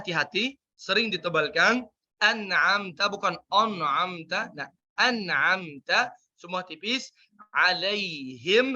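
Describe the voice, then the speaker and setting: A man teaching a Quran recitation class, drilling pronunciation by repeating sounds slowly. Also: sits high, bright, forceful tone, lo-fi sound. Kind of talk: tajweed pronunciation lesson.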